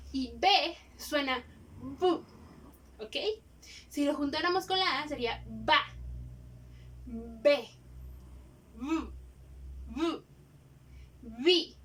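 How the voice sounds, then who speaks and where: A woman teacher, giving a phonics lesson to young children and sounding out each letter slowly and clearly. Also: sits high, fairly bright tone, distant mic.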